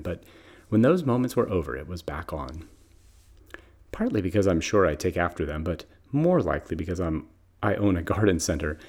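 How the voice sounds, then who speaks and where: A middle-aged man who owns a garden center, reading a reflective personal essay in a storytelling manner. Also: low-pitched. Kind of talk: scripted personal essay narration.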